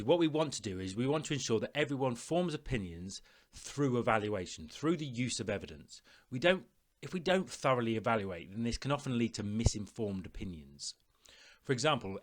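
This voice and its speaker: A man delivering a recorded classroom lesson in a clear, instructive way. His pitch moves a lot, rising and falling as he talks pupils through each step. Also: a bit bright. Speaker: teacher.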